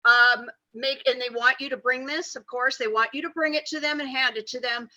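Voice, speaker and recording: Woman, 60s, very bright, high voice, panel storytelling. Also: fairly even intonation, a little fast. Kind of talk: political panel chat.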